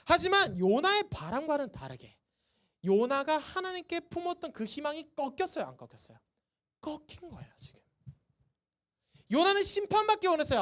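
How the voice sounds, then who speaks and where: Lively woman preaching to teens. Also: high-pitched. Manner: lively, asks the students questions and answers them. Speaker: youth group teacher. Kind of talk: sermon to teenagers. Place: church service.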